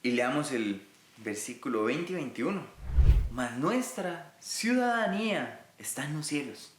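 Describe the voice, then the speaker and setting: A man's voice: a little high, very animated, measured pace, echoey room. A man from Rica, teaching a recorded Bible lesson in an earnest way and speaking directly to his listeners. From Costa Rica.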